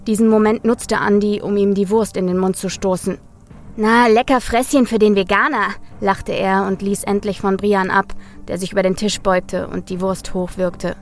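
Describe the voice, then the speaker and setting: A woman reading a suspenseful story aloud in a measured, scripted narration. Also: medium pitch, flat delivery, darkish tone, soft background music.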